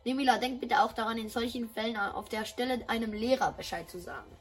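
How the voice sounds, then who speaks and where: A woman's voice: on the high side, fast talker, breathy edge. A woman voicing a polite, formal male school principal in a game dub, with slight stumbles. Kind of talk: dubbing game dialogue.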